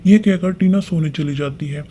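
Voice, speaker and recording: High-voiced man narrating a story. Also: normal speed, slight background noise. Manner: steady, plain narrating.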